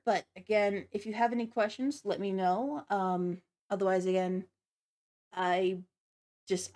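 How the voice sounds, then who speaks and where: A woman livestreamer chatting casually to viewers, with a giggly, apologetic and slightly nervous manner. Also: medium pitch. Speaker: livestreamer, virtual avatar host.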